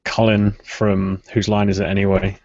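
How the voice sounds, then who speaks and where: A man hosting a casual group video call, relaxed and laughing softly. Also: on the low side, moderate pace, creaky, dry recording. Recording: dry lo-fi video call audio.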